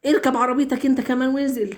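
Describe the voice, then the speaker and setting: An Egyptian woman vlogging with a high voice, speaking to the camera in an earnest, pleading appeal. She talks quickly, repeats her points and stumbles into restarts as she grows upset. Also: fairly even intonation, darkish tone. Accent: Egyptian Arabic. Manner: stammers and restarts when upset. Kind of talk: emotional direct-to-camera appeal.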